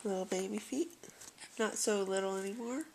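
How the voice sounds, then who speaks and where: A woman's voice: mid-range voice, normal speed, vocal fry, slight background noise. A woman, a mother, playfully talking baby talk to her infant at home. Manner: playful, teasing, sing-song.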